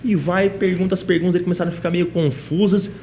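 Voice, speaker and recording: Fast-talking man telling a story. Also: high voice, slight background noise. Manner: lively anecdotal telling, frequent tag questions. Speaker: police chief, podcast guest. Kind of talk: casual interview storytelling.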